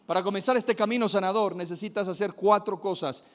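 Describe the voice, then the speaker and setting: High-voiced emphatic male preacher. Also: brisk, fairly bright tone. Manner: emphatic, repeats key phrases, addresses the audience directly. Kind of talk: sermon.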